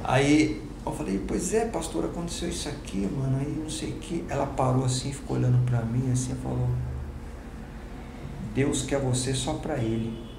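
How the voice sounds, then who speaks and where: A man, a pastor, telling a personal testimony to a class, acting out each exchange in slangy, lively speech. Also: mid-range voice, a little fast, vocal fry, hardly any pauses. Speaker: pastor and teacher. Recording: roomy hall with background noise.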